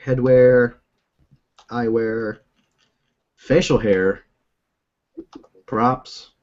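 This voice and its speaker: A man's voice: mid-range voice, fairly even intonation, drawn-out words, darkish tone, muffled recording. A young man hosting a casual video call chat, rambling and laughing often as he talks from a room at home. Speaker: host. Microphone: own desk microphone.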